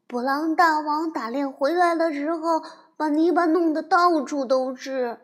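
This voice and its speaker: A woman voicing a nervous, clever little male piglet in a storybook reading, with a bright, eager voice. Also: high voice, measured pace. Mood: anxious.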